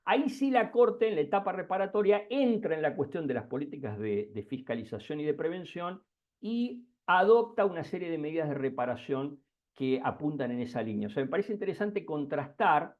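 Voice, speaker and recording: A man giving an academic lecture, with an Argentine Spanish accent, pausing often with fillers and restarts. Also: a little high, expressive. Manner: hesitant, many fillers and restarts. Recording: dull lo-fi sound.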